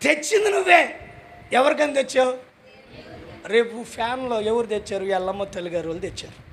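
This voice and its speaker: Telugu-accented male pastor, very high gravelly voice, shouting sermon, faint noise. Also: expressive, fairly quick. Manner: preaching, often shouting to the congregation.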